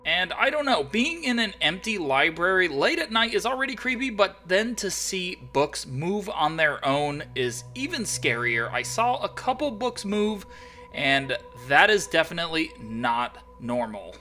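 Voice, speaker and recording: A man's voice: high voice, big pitch swings, unhurried, pushed and bright. A man telling viewers a story as a vlogger, in a raised, projected, emphatic voice.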